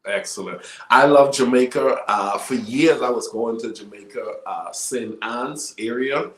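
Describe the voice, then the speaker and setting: A man hosts a talk show, interviewing in a conversational yet emphatic way and often repeating words. His mid-range voice is a little slow, and the sound echoes.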